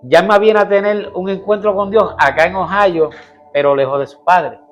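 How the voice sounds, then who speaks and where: A man's voice: high voice, fairly even intonation, moderate pace, dull audio, faint music behind. A man, a pastor, telling his personal testimony in an interview, earnestly, acting out what people said to him. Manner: earnest storytelling, acting out quoted dialogue.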